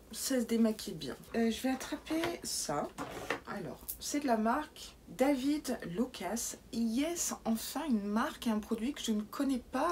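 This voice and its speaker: A woman's voice: medium pitch, a little mellow, a little hiss or hum. A young woman vlogger chatting wryly through a beauty box unboxing, now and then dropping into whispered asides. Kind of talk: casual unboxing commentary.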